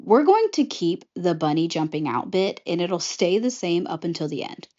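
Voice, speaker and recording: Animated woman pitching a movie idea. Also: moderate pace. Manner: animated, chatty, jumps into character voices. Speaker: vlogger pitching a film idea. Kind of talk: casual retelling of a movie pitch. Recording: slightly muffled lo-fi audio.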